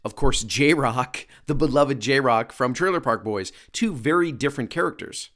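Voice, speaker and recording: A man hosting a podcast interview, upbeat and quick to laugh in casual chat. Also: medium pitch, animated, a bit bright. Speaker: podcast host.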